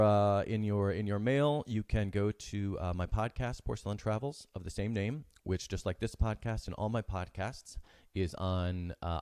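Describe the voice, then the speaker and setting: Chatty low-voiced man hosting his show. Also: a little mellow, clean tone, dry recording, studio quality. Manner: chatty, upbeat, self-interrupting with fillers. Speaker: podcast host and author. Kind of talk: casual live-stream sign-off.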